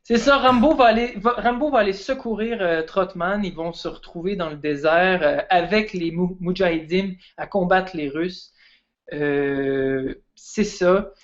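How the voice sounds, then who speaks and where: A man's voice: high voice, measured pace, lo-fi sound. A man, a guest film expert chatting casually and enthusiastically on a stream.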